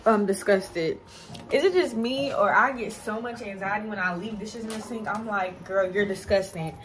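A woman's voice: mid-range voice, moderate pace, a bit bright, soft background music. A young woman chatting casually to her camera as a vlogger, playful and self-mocking. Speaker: vlogger and TV anchor. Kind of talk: casual vlog chat. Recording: noticeable background noise.

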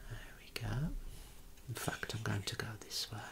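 Low-voiced man whispering softly. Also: monotone, creaky. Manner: soft whispering, slow and careful instruction; gentle reassuring praise. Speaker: clinician demonstrating eye and head measurements. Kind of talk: ASMR clinical role-play.

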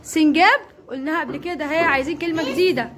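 A woman's voice: sits high, very fast, crowd noise. A woman with an Egyptian Arabic accent teaching a class of young children, praising and prompting them by name. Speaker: kindergarten teacher. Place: busy classroom. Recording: classroom with background noise.

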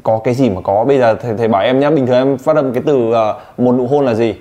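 A man teaching English pronunciation one-on-one, teasing and drilling his student with quick questions. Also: mid-range voice, warm tone.

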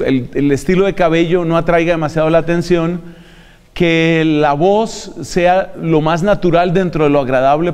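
A man's voice: a little high, a little mellow, clean tone. Man, friar, lecture, earnest and emphatic, long reverb. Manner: earnest, emphatic, direct address to listeners. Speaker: friar teaching preaching. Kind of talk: lecture on preaching.

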